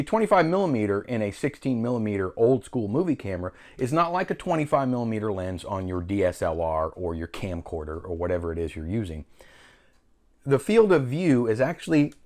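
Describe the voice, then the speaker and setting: A man hosting a casual filmmaking tutorial, chatty and self-correcting as he demonstrates a camera. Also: fairly low pitch. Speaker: filmmaking channel host.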